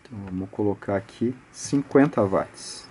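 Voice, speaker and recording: Here the audio electronics instructor and channel host sounds a little mellow and husky, his voice on the low side at a moderate pace. With a Brazilian Portuguese accent, he explains an informal technical tutorial step by step, chatting as he goes and frequently ending phrases with little tag questions.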